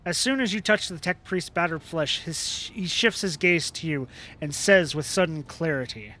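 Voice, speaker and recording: Young male streamer; casual read-aloud of game text, slightly high pitch. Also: moderate pace, bright, forceful tone. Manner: casual, joking asides between narration.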